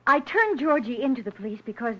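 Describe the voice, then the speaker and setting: A woman's voice: a little high, big pitch swings, fast talker. A woman playing an earnest, loyal young woman in an old radio crime drama, imploring and full of feeling. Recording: muffled vintage radio recording.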